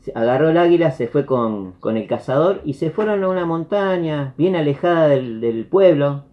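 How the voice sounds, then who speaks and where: Speaking at a moderate pace in a slightly high voice, a Rioplatense Spanish-accented man relates a parable within a sermon. He animates the story by performing each character's lines. It's captured over a video call, so the sound is dull and lo-fi.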